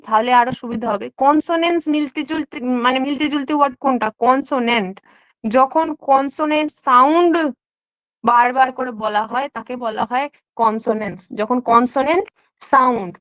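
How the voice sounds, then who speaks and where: A woman's voice: high-pitched, fairly bright tone, no room sound, rough recording. A woman teacher giving an online exam-prep lesson, explaining step by step, mixing in English terms and checking in often. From West Bengal.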